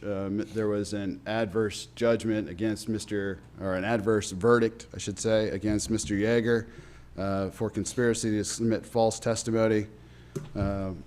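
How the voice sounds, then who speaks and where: A man with a voice affected by illness, giving a measured, formal legal briefing as an attorney at a public meeting. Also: on the low side, a little mellow. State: under the weather, voice affected by illness. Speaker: county's attorney briefing officials.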